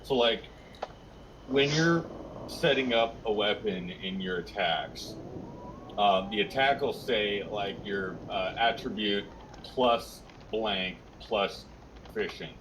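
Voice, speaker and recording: Curious low-voiced man player. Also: slow, noisy background. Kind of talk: casual chat between game sessions.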